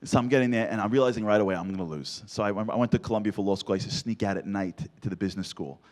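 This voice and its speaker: A man's voice: fairly low pitch, racing, a little mellow. A man giving a comic, storytelling motivational speech, punchy and full of rhetorical questions. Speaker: motivational speaker.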